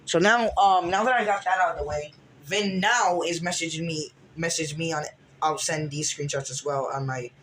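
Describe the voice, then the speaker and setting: A man's voice: fairly high pitch, fairly bright tone, a little hiss or hum. A man telling a rambling storytime vlog, full of restarts and fillers. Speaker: vlogger. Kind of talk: casual storytime recap.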